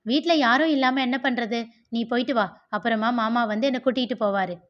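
A blunt young wife, put on by a woman reader answers back with reproach. The voice is pitched high. The sound is dull and lo-fi. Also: a little fast, close to an everyday voice. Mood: reproachful. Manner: pointed, reproachful retorts. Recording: dull lo-fi recording.

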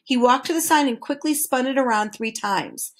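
A woman narrating a children's novel, reading aloud in a clear, steady storytelling manner. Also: sits high, moderate pace.

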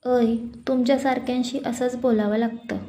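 A woman voicing a feisty, sharp-tongued young woman who talks bluntly and scolds. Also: on the high side, fairly even intonation, normal speed, close to an everyday voice. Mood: scolding.

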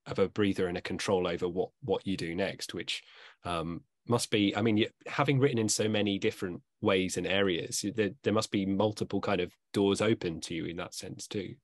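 A man's voice: deep voice, brisk, no echo, studio quality. A man in his thirties, a bookseller hosting an author talk, asking questions hesitantly with many restarts on a video call from home. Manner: hesitant, full of restarts and fillers. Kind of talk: casual video-call interview.

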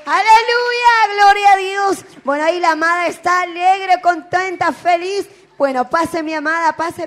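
A woman with a very high voice hosts a church testimony night. She speaks with enthusiastic, praising affection. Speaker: church event host. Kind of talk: hosting testimonies.

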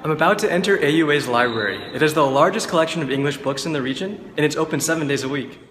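A young adult student vlogger leads a campus tour with upbeat scripted narration, filming on a phone held at arm's length over background music. His voice is a little high, quick and a bit bright.

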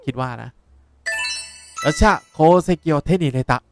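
A young man, a language teacher explaining words in a lively way while playing a game. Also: mid-range voice, a little slow, creaky, faint music behind. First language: Japanese. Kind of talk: game playthrough lesson.

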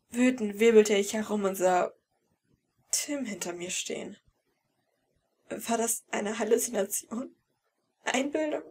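A woman's voice: on the high side, breathy edge. A woman reading a fan-fiction audiobook in first person, with emotional, tense storytelling. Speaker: audiobook reader.

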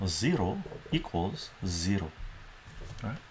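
A middle-aged math tutor, born in Iran with Armenian as his first language, talks casually through a lesson at a whiteboard in a small room at home, often asking "right?". His voice sits low, swings widely in pitch and moves slowly. There's a little hiss or hum in the recording.

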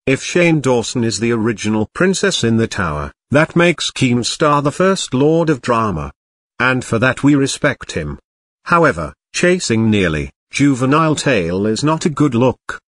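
A man voicing a smug male robot cat who presents scripted comedy news in a deadpan, mock-formal way. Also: medium pitch, no echo, studio quality.

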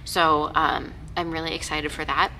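A woman's voice: deep voice, flat delivery, normal speed. A young woman trainer talking casually to a vlog audience and explaining exercises in a gym. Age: young adult. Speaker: fitness trainer and vlogger. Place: indoors in a gym. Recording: noisy gym with loud background noise.

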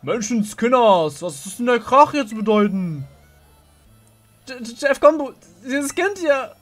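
A man voicing a hearty, excitable older chef from a video game in a dramatic, exclamatory manner. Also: very high-pitched, a little slow, soft background music, pitched above the performer's own voice, exaggerated voice. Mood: astonished, dramatic. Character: big, bald, excitable older male chef and gym leader. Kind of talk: video game dialogue read aloud.

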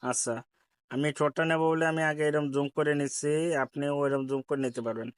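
Dry, clear-voiced man walking through app steps. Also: on the high side, steady tone, fast, dry recording. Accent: Bangladeshi Bengali. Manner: repetitive step-by-step instruction, addresses viewers politely. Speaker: tech tutorial host. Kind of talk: screen-recorded app tutorial.

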